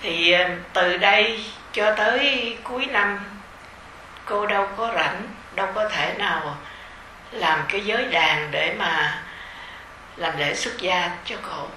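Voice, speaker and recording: Slow, bright-voiced Southern Vietnamese woman teacher. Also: medium pitch, echoey room, slight background noise, poor audio. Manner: gentle, unhurried, conversational with soft fillers. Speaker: meditation teacher leading a retreat. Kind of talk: informal dharma talk to retreat participants.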